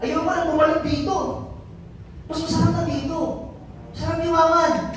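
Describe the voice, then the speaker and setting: High-voiced joking man in echoey hall. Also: level tone, moderate pace, fairly bright tone, far from the mic, a little hiss or hum. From Albay, Philippines. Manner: joking, teasing, keeps quizzing the crowd. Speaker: business mentor and motivational speaker. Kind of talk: motivational speech to a live audience. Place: event venue hall, indoors. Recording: very echoey event hall, picked up from afar.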